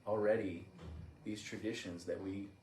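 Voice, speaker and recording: A low-voiced man thinks aloud in a casual Bible study, often stumbling and restarting as he works out his point. He sits away from the mic in an echoey church room with a faint hiss behind him. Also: fairly even intonation, moderate pace, a little mellow, distant mic.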